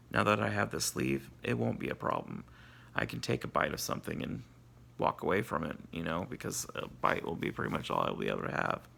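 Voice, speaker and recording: A man's voice: on the low side, creaky, pushed and bright. A man, groggy and sore after surgery, talking in a casual, candid video diary with salty, self-deprecating asides. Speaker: vlogger.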